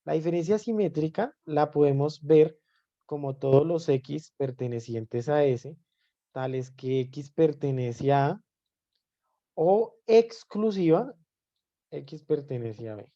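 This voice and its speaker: A man's voice: on the high side, unhurried, warm tone, dull audio. A man teaching math in a live online class. He explains step by step and keeps checking in with his students.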